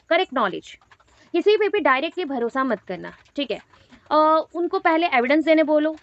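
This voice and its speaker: A woman's voice: sits high, dry recording. A woman teaching an online class, explaining in mixed Hindi and English, repeating key terms and checking in with her students. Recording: dull lo-fi audio.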